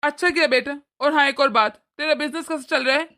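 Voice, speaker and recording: A woman doing an older cartoon father-in-law, calm and moralizing, with a high voice that stays bright and forward, patient and fatherly as he talks his wife through what went wrong. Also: fast talker. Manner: lecturing, gentle moralizing. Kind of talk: cartoon voice acting.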